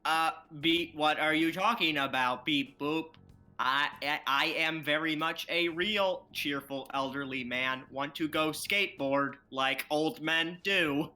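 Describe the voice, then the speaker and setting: A man's voice: on the high side, pushed and bright, soft background music. A man playing a sly old schemer faking robot talk. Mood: scheming. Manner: slow, sly, mock-robotic threats. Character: scheming old man posing as cheerful grandfather. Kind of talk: fan comedy dub.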